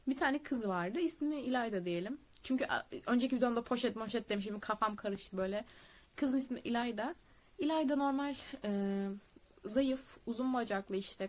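Young woman, higher voice, casual storytelling vlog, laughs a lot, swears offhand. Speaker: vlogger. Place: a relative's home, indoors.

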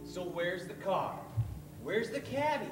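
A man's voice: sits high, big pitch swings, unhurried, loud music behind the voice. A man playing a cynical ex-convict blues musician in a stage play, blunt and sarcastic. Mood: demanding. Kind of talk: amateur stage play acting. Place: theatre stage, camera far off. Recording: distant, echoey stage, clear noise.

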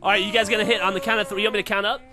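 A man's voice: high-pitched, little pitch movement, racing. A man playing video games with friends, counting down and calling out the scores. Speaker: let's play gamer. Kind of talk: gaming commentary with friends.

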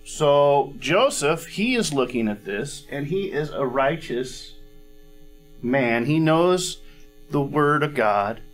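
Middle-aged man, pastor, sermon, slow unhurried pace, handheld mic, conversational teaching, faint music behind. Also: on the high side. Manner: conversational teaching, frequent "all right?" check-ins; clears throat now and then. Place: church stage with a cozy fireplace set.

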